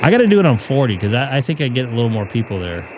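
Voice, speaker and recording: A man's voice: medium pitch, very animated, rapid-fire. Chatty man over radio room static. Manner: chatty and self-mocking, talking to himself on air. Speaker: ham radio net control operator. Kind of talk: casual live stream chat between radio calls. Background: radio static and ambient hiss.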